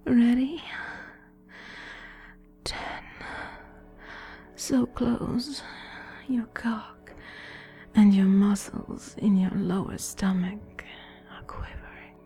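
A woman performing intimate erotic audio, mostly in a slow breathy whisper that swells into voiced moans. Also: mid-range voice, warm tone.

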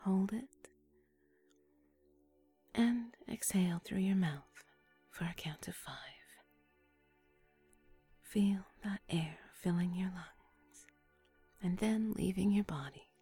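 A woman whispering a slow, soothing guided relaxation script in a breathy, hushed voice. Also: mid-range voice, faint music behind.

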